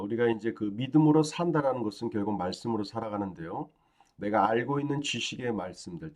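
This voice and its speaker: A man as pastor giving a daily devotional sermon, calm and teaching, with frequent fillers and rising emphasis on key phrases. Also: lowish voice.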